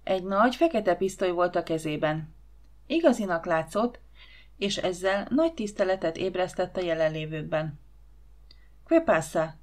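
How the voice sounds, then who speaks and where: A woman's voice: on the low side, animated. A woman reading an audiobook aloud, acting out the dialogue with shifting voices. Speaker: audiobook reader. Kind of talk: audiobook narration.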